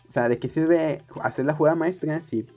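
A man's voice: fairly high pitch, normal speed, darkish tone, faint music behind. Rambling young man playing a game. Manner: rambling, self-mocking, chats to viewers. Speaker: let's play gamer. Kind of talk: casual gameplay commentary.

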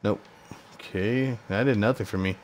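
A lowish-voiced American man at normal speed records gameplay commentary, casually thinking out loud in short bursts of slang.

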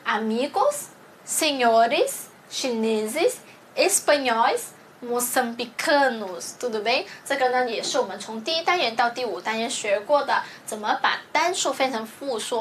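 A woman's voice: a little high, lively intonation, fairly bright tone, a little hiss or hum. A woman teacher reviewing a language lesson, explaining step by step and often checking with her students. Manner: explains slowly, checks with "对不对". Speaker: Portuguese teacher.

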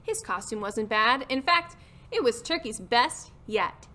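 A woman reading a children's picture book aloud in a gentle, unhurried storytelling manner. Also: a little high, lively intonation. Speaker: storybook reader.

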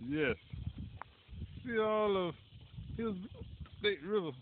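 A man chatting casually while filming a canoe trip outdoors on a river, excitable and quick to laugh. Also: high voice. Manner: excitable, laughing, calls out playfully. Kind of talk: casual chat. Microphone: handheld camera. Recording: tinny lo-fi audio with loud outdoor noise.

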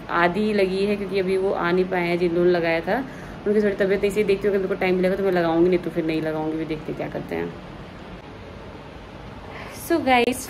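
A woman's voice: medium pitch, background noise. A young woman chatting casually in a home vlog, slipping English words into her speech. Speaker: vlogger.

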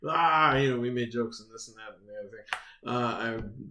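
A man's voice: medium pitch, level tone, a crowd in the background. Rambling man telling a story. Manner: rambling, halting storyteller with many fillers. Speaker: podcast co-host. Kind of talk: casual chat.

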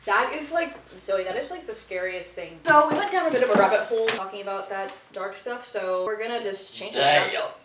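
A woman's voice: mid-range voice, brisk, hardly any pauses. A young woman co-hosting a casual food vlog, chatty and rambling, often giggling. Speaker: vlog co-host. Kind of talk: casual chat over a meal. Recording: echoey room, mic at a distance, background noise.

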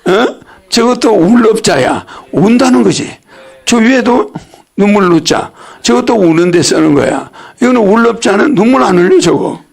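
Giving a religious lecture, an older man speaks in a folksy, teasing manner, frequently laughing and putting questions to his audience. His high voice has a gravelly edge, and he talks expressively at a normal speed.

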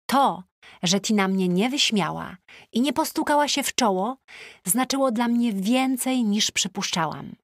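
Lively woman reading an audiobook. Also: a little high, measured pace, dry recording, clean studio sound. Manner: lively, chatty teenage-diary tone. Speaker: audiobook narrator. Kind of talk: first-person audiobook narration.

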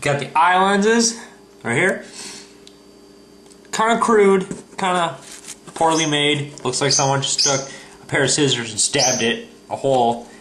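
Echoey young American man reviewing casually. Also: fairly high pitch. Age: young adult. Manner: sweary, deadpan, halting. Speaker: video host. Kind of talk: casual mock product review. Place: indoors at home. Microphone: handheld camera at arm's length. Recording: echoey room, noisy handheld camera audio.

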